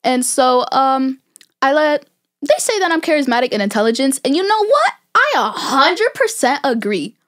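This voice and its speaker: A woman's voice: high-pitched, sing-song, normal speed, a bit bright. A young woman playing Cleopatra as a brash, boastful Egyptian queen who talks in modern slang and drawls her points. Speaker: student playing an interviewee. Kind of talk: school project role-play interview.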